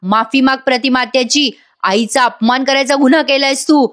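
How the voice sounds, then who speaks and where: A woman voicing a calm, stubborn young woman in a voice-over retelling of a TV serial, speaking in a coaxing, insistent way. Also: high voice, moderate pace.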